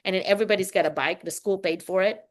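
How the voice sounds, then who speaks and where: A woman's voice: medium pitch, rapid-fire. A woman from the Philippines, a teacher, chatting casually on a video call, telling stories with frequent laughter. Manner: chatty, laughs often, animated storytelling. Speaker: teacher and session leader.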